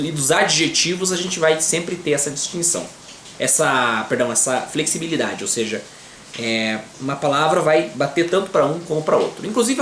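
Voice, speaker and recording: Animated Brazilian male English teacher. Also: on the high side, echoey room, slight background noise. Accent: Brazilian Portuguese. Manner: checks in often with quick tag questions; slows down to model English pronunciation. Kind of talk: explaining English grammar to beginners.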